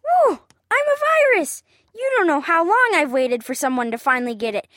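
A woman's voice: sits high, huge pitch swings, a little fast, fairly bright tone, no room sound, studio quality, full character voice. A woman voicing a cute, sassy little cold virus in a theatrical children's audio skit. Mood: thrilled. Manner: exclamatory, theatrical.

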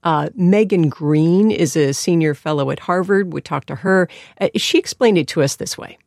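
A woman's voice: on the low side, moderate pace, creaky, a little mellow, no echo, studio quality. A woman explaining news as a radio reporter.

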